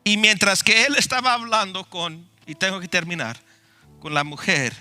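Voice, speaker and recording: A male pastor preaching a sermon, telling the story dramatically and swinging between loud passion and hushed tones. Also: high-pitched, normal speed, faint music behind.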